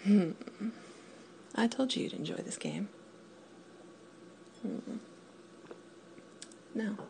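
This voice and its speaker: A woman in an intimate audio roleplay, speaking in a commanding, teasing way, often dropping to a whisper, and counting down slowly. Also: medium pitch, animated, vocal fry, dark tone, a little hiss or hum. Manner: slow counting down.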